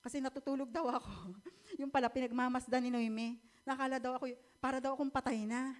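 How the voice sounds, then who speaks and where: A woman's voice: high-pitched, steady tone, fast. A middle-aged woman telling her personal faith testimony to a church, in a polite, heartfelt storytelling way. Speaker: church member giving testimony.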